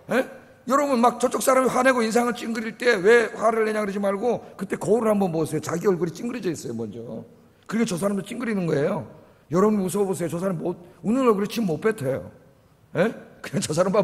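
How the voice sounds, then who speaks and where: A middle-aged male pastor preaching a sermon with a sore throat, prodding the congregation with rhetorical questions. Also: high-pitched. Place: church sanctuary. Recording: long church-hall reverb.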